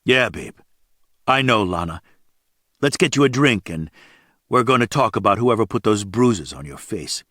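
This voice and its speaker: A hard male biker with a blunt, cold delivery, as the narrator voices him. The low voice stays close and dry. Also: expressive, moderate pace, long pauses, fairly bright tone, no echo. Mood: gruff.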